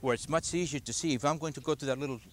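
This older golf instructor races along in a fairly high voice as he teaches a clinic outdoors on a grassy driving range. He patiently asks the group questions, and a camcorder records him from a distance.

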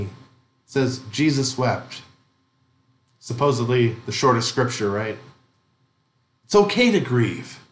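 In a church sanctuary with echoing acoustics, a pastor with a mid-range voice preaches conversationally. He asks the congregation rhetorical questions and sprinkles in light humor.

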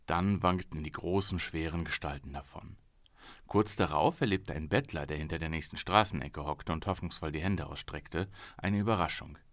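A man narrating an audiobook in a measured, expressive way, recorded at a studio microphone in a small home studio. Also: extremely low pitch, no echo. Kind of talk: scripted narration.

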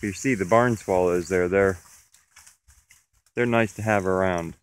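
Low, clear-voiced farmer outdoors. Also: male voice, unhurried. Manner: plain, matter-of-fact talk. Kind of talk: walking field tour, explaining. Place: outdoors in a pasture. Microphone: camera held while walking.

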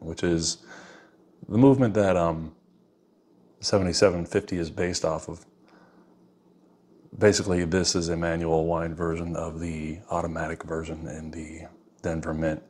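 A man giving a casual, rambling watch review at his desk, often calling the listener "man". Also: deep voice. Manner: laid-back, says "man" often, rambling asides. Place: indoors at a desk, off camera. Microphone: wireless clip-on mic.

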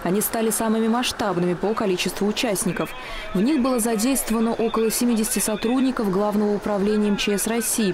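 A woman's voice: medium pitch, background noise. A woman reading a scripted TV news report.

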